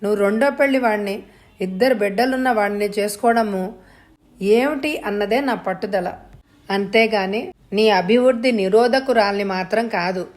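A woman's voice: medium pitch, normal speed, natural voice. A woman voicing a stern, worried middle-aged mother who scolds sharply in an audiobook story. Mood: pleading.

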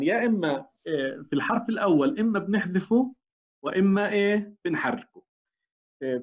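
Man teaching, dull lo-fi sound. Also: fairly high pitch. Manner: explains step by step, asks the class rhetorical checks. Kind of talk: recorded tajweed lesson.

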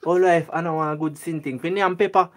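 A woman's voice: on the low side, steady tone, fast talker. Chatty Jamaican woman outdoors. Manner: chatty, laughs a lot, repeats "yeah, man". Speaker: vlogger. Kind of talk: casual chat in Patois.

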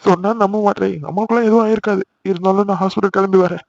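A man's voice: high-pitched, fairly even intonation, very fast, gravelly, darkish tone. A man voicing a worried, protective young man in an amateur cartoon, talking earnestly and pleading. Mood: anxious. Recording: dry, slightly dull lo-fi recording.

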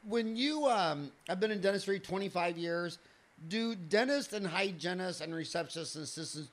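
A man in his fifties hosting a podcast interview, asking long, rambling conversational questions. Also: fairly high pitch. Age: 50s. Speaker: podcast host.

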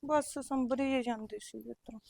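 A woman's voice: high voice, steady tone, normal speed, gravelly, a little mellow, no echo. A woman playing an upset married daughter who answers in short pleading replies. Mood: subdued. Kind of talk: rural family drama acting.

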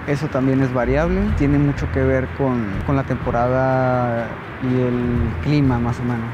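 A man, answering interview questions outdoors in a calm, measured way, often repeating words as he thinks. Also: medium pitch, highs cut off, noisy background. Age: 30s. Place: outdoors at dusk near a border fence. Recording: music bed under the speech.

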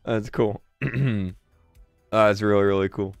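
A man in his twenties hosting a casual livestream, excitable and quick to laugh, repeating words as he reacts. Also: lowish voice, creaky, no echo, studio quality, soft background music. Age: 20s. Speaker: livestream host.

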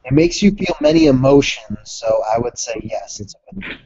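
Rambling young man with a gravelly voice. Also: mid-range voice, a little fast, no echo. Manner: rambling, animated, swearing. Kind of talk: casual chat. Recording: dull, dry lo-fi recording.

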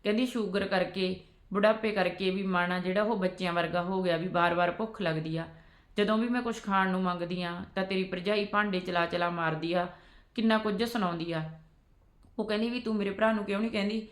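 A woman's voice: medium pitch, steady tone, a little fast, reverberant. A woman telling a family story aloud, with frequent "she says" tags in a chatty way. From Punjab. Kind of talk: spoken storytelling with quoted dialogue.

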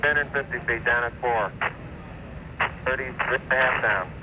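A man's voice: mid-range voice, normal speed. A man reading terse, clipped flight callouts as an astronaut, heard through a crackly space radio transmission with beeps. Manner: clipped, businesslike number readouts. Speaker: astronaut piloting the lander. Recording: noisy archival radio downlink.

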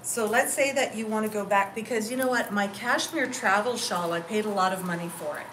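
A woman's voice: medium pitch, fairly quick, fairly bright tone. Woman host, chatty styling demo, distant mic in an echoey, noisy room. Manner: chatty, keeps asking "okay?". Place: clothing store.

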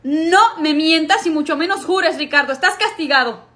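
A woman's voice: sits high, normal speed, sharp tone. A woman playing a stern, exasperated mother who scolds her teenagers in a comedy skit. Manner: scolding, no-nonsense.

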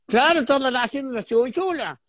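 A man telling a rambling, improvised comic story, laughing and breaking into shouted gibberish quotes. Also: very high voice, expressive, brisk. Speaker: comedian playing a Titanic historian. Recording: noisy background hiss.

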